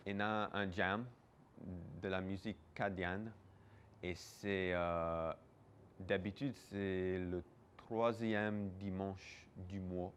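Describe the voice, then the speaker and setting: A man's voice: sits low, fairly even intonation, slow pace, slight background noise. A man giving hesitant, explanatory answers in a casual interview. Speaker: museum interviewee.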